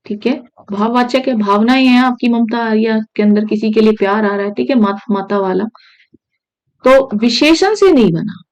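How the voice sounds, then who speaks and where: Lady teacher doing hindi grammar exam prep, a bit high voice, keeps asking the students stuff. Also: moderate pace, poor audio. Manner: repeats "ठीक है" often, asks students questions.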